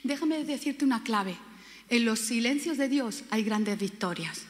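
Impassioned high-voiced woman preaching. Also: expressive, unhurried. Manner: impassioned, acts out quoted voices, repeats words for emphasis. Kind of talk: sermon. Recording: long hall reverb.

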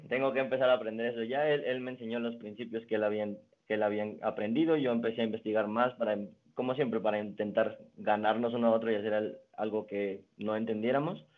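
A young man from Mexico, a guest in a casual interview, telling his story in a relaxed way with many restarts. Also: fairly low pitch, fast, hardly any pauses. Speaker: guest, card designer and magician. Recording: phone-like narrow band.

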